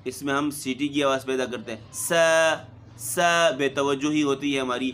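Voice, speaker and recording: A middle-aged man teaching Quran recitation, explaining steadily and then sounding out single letters loudly again and again. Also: medium pitch, flat delivery, a little hiss or hum. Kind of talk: spoken Quran pronunciation lesson.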